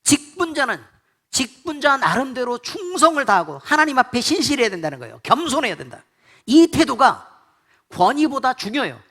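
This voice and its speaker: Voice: high-pitched, big pitch swings, moderate pace, sharp tone. A pastor preaching a sermon in blunt, colloquial speech, repeatedly quizzing the congregation with call-and-response questions.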